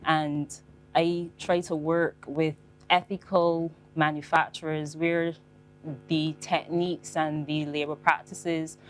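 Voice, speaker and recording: Young woman, low voice, measured panel speaker. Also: little pitch movement, slight background noise. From Barbados. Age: young adult. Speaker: fashion designer on a panel. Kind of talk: panel talk.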